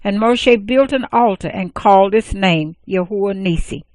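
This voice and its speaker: A woman reading scripture aloud, measured and even, with careful pauses. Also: mid-range voice, dry recording. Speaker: scripture reader.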